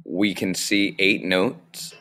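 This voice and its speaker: A young man explains the basics of music in a recorded online lesson, slowly and clearly, using his webcam mic in a small room. His voice is low yet bright and forceful, with a steady tone.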